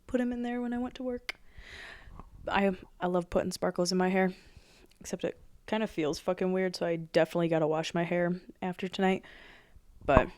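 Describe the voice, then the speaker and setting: A young woman tells a wild weekend story in a casual, profane rush, acting out the lines people said to her. Her voice sits a little low, smooth and clear. The sound is dry and close, with no room around her. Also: brisk, long pauses, no echo. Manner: profane, animated retelling with quoted dialogue. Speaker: podcast host.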